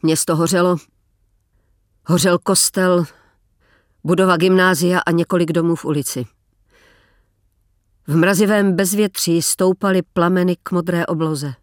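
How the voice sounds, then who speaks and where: A man reading a novel aloud, measured, slowing down for emphasis. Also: sits high, fairly even intonation, no echo, clean studio sound. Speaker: narrator. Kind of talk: scripted audiobook narration.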